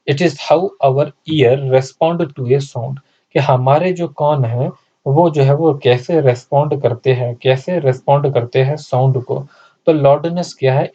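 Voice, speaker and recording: A male teacher lectures for exam prep, repeating each point and answering his own questions. His voice is dark and a little husky. The recording sounds dull and lo-fi. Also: mid-range voice. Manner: repetitive, asks and answers his own questions, mixes English terms into Hindi.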